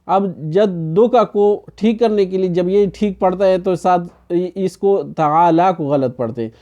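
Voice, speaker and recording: Male Quran teacher, slightly high, smooth voice, lo-fi recording; explains, then chants slowly. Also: mellow. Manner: asks the class questions and answers them himself. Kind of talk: online recitation lesson.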